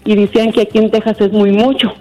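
A woman's voice: mid-range voice, little pitch movement, quick pace, music in the background, rough recording. A woman calling a radio show to tell stories about work and family. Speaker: caller. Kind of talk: call-in radio chat.

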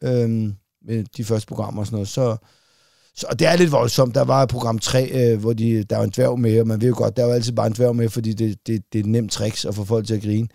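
A chatty man jokes at his own expense in a laid-back podcast conversation. His voice is dark and gravelly, with plenty of fry. The recording is dry and close. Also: fairly low pitch, fairly even intonation, no echo. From Denmark. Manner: chatty, self-mocking, joking. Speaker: podcast co-host. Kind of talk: casual chat.

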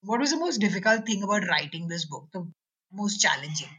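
A woman's voice: medium pitch, very animated, fairly quick, a bit bright, husky. A middle-aged woman interviewing informally, rephrasing her thoughts as she goes. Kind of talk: casual book interview.

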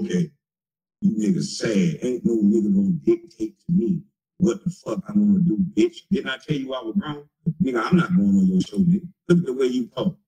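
A man's voice: mid-range voice, warm tone, rough recording. A man in his forties in a profane, mocking, taunting rant. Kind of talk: heated rant.

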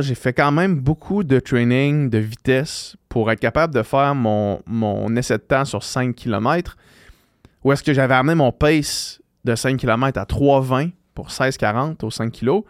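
Québécois podcast host, man in his 30s, clear resonant voice, dry close mic, reflective and chatty. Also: medium pitch, no echo. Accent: Québécois French. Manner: reflective, explaining with frequent restarts and fillers. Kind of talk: casual monologue.

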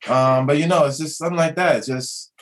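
A young man from Maryland, a former basketball player, talking as a podcast guest in a halting way with many restarts and fillers. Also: a little high. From Maryland, USA. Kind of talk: casual podcast chat.

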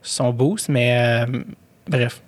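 A man's voice: mid-range voice, fairly even intonation, drawn-out words. A man with a Québécois French accent in casual podcast chat, rambling with many fillers and restarts.

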